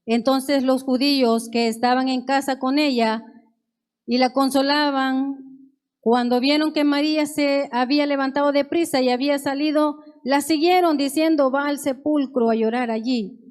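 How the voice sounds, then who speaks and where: A woman's voice: high voice, fairly even intonation, moderate pace, darkish tone. A woman preacher in church, reading Bible verses aloud one by one and then explaining them earnestly.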